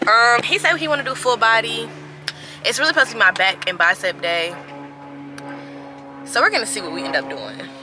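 A woman's voice: on the high side, expressive, fairly quick, long pauses, noisy background. A young woman fitness vlogger in casual, upbeat chat with her viewers, talking straight to the camera. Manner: upbeat and chatty, addresses viewers directly.

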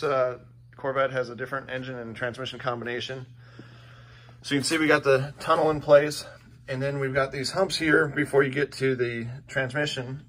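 A medium-pitched man who runs a fabrication shop records himself on a handheld phone while casually showing the projects in his large indoor shop. He's relaxed and plainspoken, with plenty of "uh"s and "um"s.

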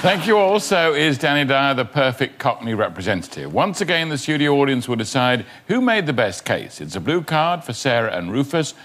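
Lively male panel show host. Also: medium pitch, a little hiss or hum. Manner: brisk presenter announcements.

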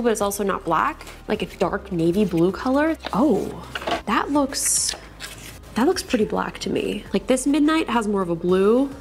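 A woman hosting a casual unboxing vlog from her own studio, bubbly and excitable and gushing over what she unpacks. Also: mid-range voice. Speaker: tech YouTuber host.

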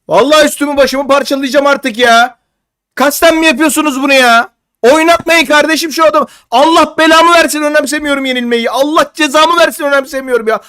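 Furious high-voiced man ranting. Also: sharp tone, smooth, no room sound. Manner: furious, exasperated, swearing oaths, repeating himself. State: shaking with anger. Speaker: football commentator streamer. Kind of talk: angry live-stream rant. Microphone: cheap desk microphone.

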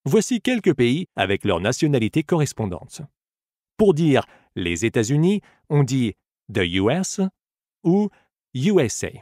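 A man reading a scripted audiobook language lesson, giving slow, careful model pronunciations for the listener to repeat. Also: mid-range voice, very animated, darkish tone, no room sound, clean studio sound. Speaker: language teacher.

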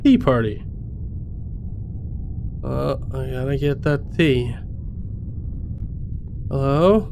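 A man giving casual let's-play commentary, muttering to himself in a jittery, jokey way with a gravelly voice. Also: medium pitch, expressive, extremely slow, noisy background. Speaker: video game streamer.

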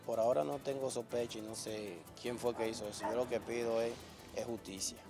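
A man's voice: medium pitch, flat delivery, brisk, creaky, music in the background. A man, the father of a victim, retelling events in a rambling, agitated way during an outdoor street interview.

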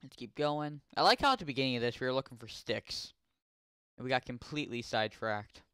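A young man casually commenting on his gameplay, chatting to in-game characters and yelling curses when startled. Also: medium pitch, brisk, clean tone, no echo, clean studio sound. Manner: yells and swears when startled. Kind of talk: casual let's-play commentary.

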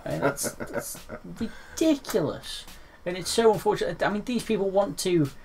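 A man's voice: sits high, animated, normal speed, a little mellow, slight background noise. A man co-hosting a casual gaming podcast, rambling with lots of fillers and restarts and teasing his co-host. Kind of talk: casual chat.

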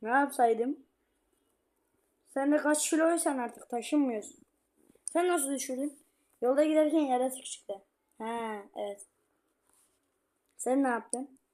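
A woman joking and teasing with friends while playing a game, quick to swear. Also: high-pitched, darkish tone. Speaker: gamer. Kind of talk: casual gameplay banter.

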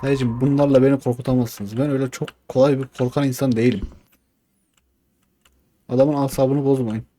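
A man's voice: mid-range voice, steady tone, brisk, pauses often, background noise. A young man casually commenting on a game as he plays, coaxing and cursing at it while talking to himself. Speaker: gaming YouTuber. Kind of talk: casual let's-play commentary.

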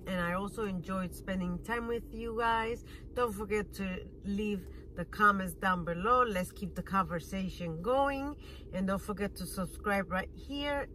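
Recorded at low quality with a little hiss or hum, this clip features a vlogger in her thirties reviewing food from a parked car, phone camera at arm's length. Her mid-range voice has a sharp tone, and she chats away casually between bites, smacking as she eats.

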